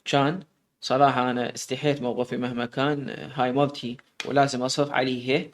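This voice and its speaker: A man's voice: medium pitch, flat delivery, quick pace. A man narrating a first-person story.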